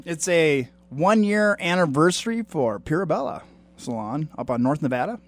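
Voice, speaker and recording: Upbeat male musician, lively voice. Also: a little high, moderate pace. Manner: upbeat, laughs often, lively delivery. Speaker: musician guest. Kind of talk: casual radio interview.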